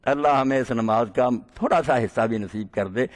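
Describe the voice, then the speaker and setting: A man delivering a religious sermon, storytelling passion, swinging his pitch widely and reciting verses slowly. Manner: asks listeners short checking questions. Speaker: preacher.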